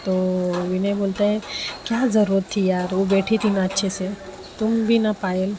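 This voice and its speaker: Woman telling a story in a flat voice. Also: medium pitch, normal speed, noisy background. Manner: retells a romance, voicing every character in her own plain voice. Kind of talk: casual spoken storytelling.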